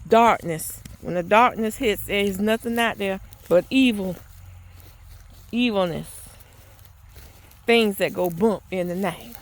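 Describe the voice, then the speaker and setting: A woman's voice: mid-range voice, slow pace, pauses often. A woman talking to the camera outdoors in a yard, earnest and exasperated, with a preachy tone and frequent restarts. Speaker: vlogger. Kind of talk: spoken outdoor vlog monologue. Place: outdoors in a rural yard or garden.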